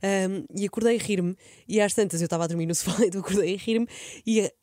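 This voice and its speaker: Lisbon woman, teasing casual banter, mid pitch, dry close sound. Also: fast talker, warm tone, no echo. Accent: Lisbon Portuguese. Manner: teasing, laughs easily. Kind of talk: casual chat.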